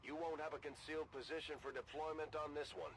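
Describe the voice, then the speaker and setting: A man voicing a military officer in a video game, briefing his commander with urgent, crisp delivery. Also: a little high, level tone, quick pace, background noise, lightly acted. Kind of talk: game dialogue.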